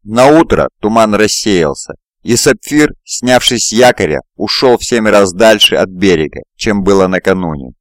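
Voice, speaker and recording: Male audiobook narrator, low voice, dry close home recording, steady reading. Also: normal speed, few pauses, no room sound. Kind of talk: scripted fantasy narration. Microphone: close mic, home recording.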